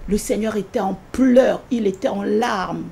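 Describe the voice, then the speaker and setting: A woman giving an earnest spoken religious testimony in an interview, repeating phrases often and pausing with hesitations. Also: gravelly, mellow, husky. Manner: earnest, repetitive, with many hesitations; rises sharply in pitch when quoting her own pleas.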